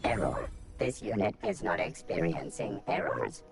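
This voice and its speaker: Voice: low-pitched, measured pace, faint music behind, exaggerated voice. A performer voicing a malfunctioning ship computer that glitches and repeats error messages in a robotic tone. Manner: flat, stuttering machine announcements. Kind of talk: video game dialogue.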